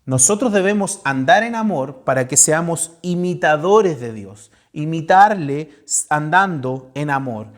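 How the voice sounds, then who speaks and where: A man's voice: on the high side, animated, unhurried. A pastor from Chile with a Chilean accent, preaching a sermon in an earnest way and putting direct questions to his listeners.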